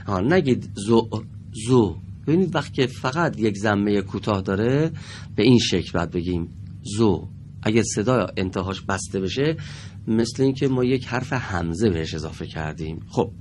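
A man teaching Quran recitation on a broadcast lesson from a studio. He speaks slowly and patiently, modelling each sound for students to repeat. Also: fairly low pitch, expressive, a little hiss or hum.

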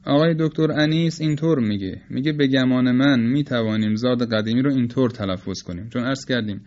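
A man with Persian as his first language, teaching the pronunciation of letters in a measured, explanatory lecture and slowly demonstrating sounds. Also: mid-range voice, a little mellow, lo-fi sound. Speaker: teacher of Quranic recitation. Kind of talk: spoken lecture on phonetics.

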